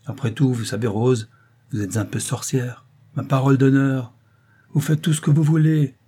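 A man voicing a jovial, excitable young man-about-town who talks eagerly and exclaims a lot. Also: mid-range voice, moderate pace, breathy edge, lightly acted.

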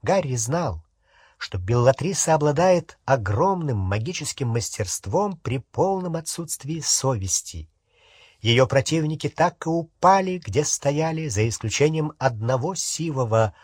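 A man reading an audiobook in a measured, expressive narration with a husky voice. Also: fairly high pitch, no room sound, studio quality. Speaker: audiobook reader. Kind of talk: scripted narration.

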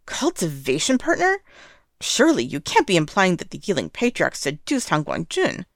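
A woman's voice: lowish voice, very animated, moderate pace, no echo, studio quality. A woman voicing an indignant, gossiping young man who stirs up drama, sputtering and scandalized, in an audiobook narration. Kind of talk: audiobook narration of fan fiction.

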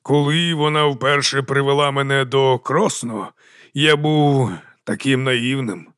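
A dignified nobleman in his fifties, as a male narrator plays him speaks slowly with quiet authority. His tone carries deep compassion and calm. The recording is dry and close. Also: no room sound, lightly acted. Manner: slow, quietly commanding, compassionate.

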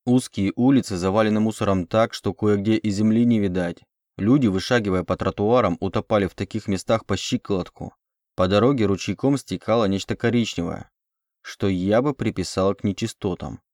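A man narrating an audiobook in a steady, even reading. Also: lowish voice, fairly quick, no room sound, studio quality. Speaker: audiobook reader.

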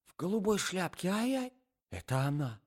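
Guy playing a fussy flustered gentleman, begging and anxious. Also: sits high, sing-song, normal speed, voice pushed up. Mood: pleading. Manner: anxious, imploring, formal phrasing. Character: flustered middle-aged gentleman, pleading and fussy.

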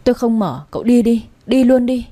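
A woman voicing a jealous young wife who answers in sharp, accusing words. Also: on the high side, animated, brisk, voice pushed up. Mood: hurt, angry.

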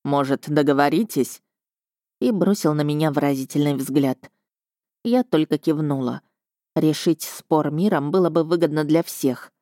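A woman's voice: low-pitched, normal speed, dark tone, dry recording. A woman reading a first-person story aloud with a wry, dry tone. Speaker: audiobook narrator. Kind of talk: scripted first-person narration.

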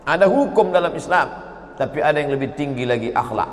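Man, preacher, sermon with rhetorical questions, slightly high voice, echoey hall. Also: expressive, a little fast. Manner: rhetorical questions, acts out dialogue, chants Arabic verses. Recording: roomy hall reverb.

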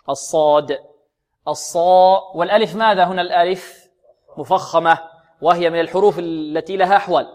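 A man teaching Quran recitation rules, asking questions and answering them himself, and drilling single sounds slowly over and over. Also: a little high. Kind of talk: tajweed lesson with demonstrations.

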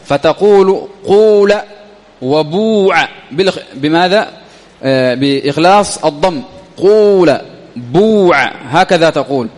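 A man's voice: high voice, in a large hall. A man teaching an Arabic grammar lesson. He reads from a text, asks his students questions and repeats points as he explains them. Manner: reads a passage, then explains it with questions and repetition.

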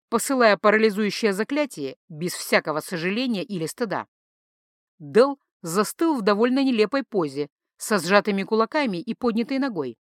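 A woman reading an audiobook narration in a lively, expressive way. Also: mid-range voice, dry recording, studio quality.

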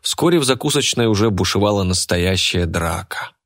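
A man narrating an audiobook in a steady, even reading voice. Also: low voice, normal speed, no room sound, studio quality.

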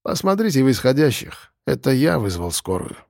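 Man voicing a calm hushed suspect, low mellow tone, dry sound. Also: a little fast, creaky, dry recording. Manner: soft, hushed, even. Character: calm, quiet southern man under suspicion.

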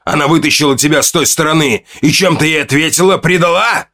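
A man voicing an enraged wounded young hunter. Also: fast talker. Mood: furious. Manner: shouting, shrill.

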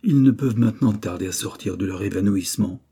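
A man reading an audiobook, voicing a calm male doctor giving a clinical diagnosis. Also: fairly low pitch, quick pace, gravelly, slightly rough.

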